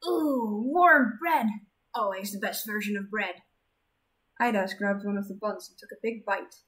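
A woman voicing a cheerful, bubbly young female tinkerer who talks loudly and eagerly. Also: mid-range voice, flat delivery, moderate pace, lightly acted. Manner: bright and loud, eager.

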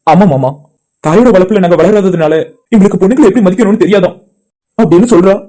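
A man voicing a young son-in-law, polite and quietly hurt. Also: high voice, quick pace, lightly acted. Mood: subdued. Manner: polite, subdued. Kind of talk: amateur cartoon voice acting.

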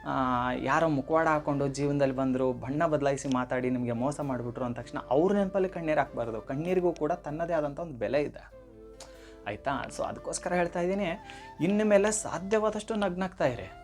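A man's voice: fairly high pitch, a little fast. Earnest man giving a motivational talk. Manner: earnest, direct address to listeners; emphatic, repeats key phrases. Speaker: motivational speaker. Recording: faint background music.

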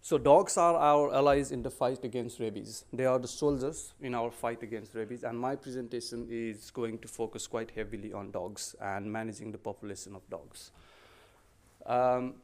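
A man's voice: medium pitch, fairly even intonation, normal speed, darkish tone. A middle-aged man from Nepal presenting at a podium in a conference hall, speaking politely with frequent ums and restarts. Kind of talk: conference talk with slides.

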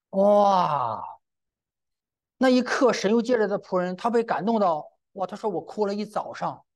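A middle-aged man preaching a sermon and telling a personal testimony. He speaks to the congregation directly and often breaks in with exclamations. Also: high-pitched.

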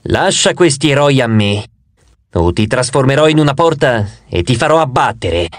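Man voicing a goddess queen, calm and commanding, motherly, lively inflection, dry recording. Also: mid-range voice, moderate pace, dry recording, close to an everyday voice. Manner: calm and authoritative.

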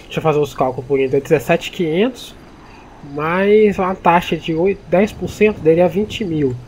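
A man from Brazil talks in a laid-back, slangy way while roleplaying in a game. His voice sits a little high. A faint hiss runs under the recording. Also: a little fast, a little mellow. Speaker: roleplay player, channel host. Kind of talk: casual in-character game roleplay chat.

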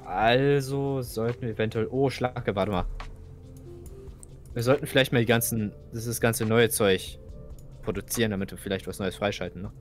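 A young man is playing a video game alongside a friend, chatting casually and thinking out loud, often repeating words while he hunts for the right one. His voice sits on the low side and moves at a normal speed, with soft music playing in the background.

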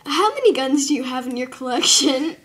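A woman's voice: high voice, animated, a little fast, noisy background. Giggly hesitant woman interviewer. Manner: giggly, hesitant, lots of ums. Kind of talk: amateur role-play interview.

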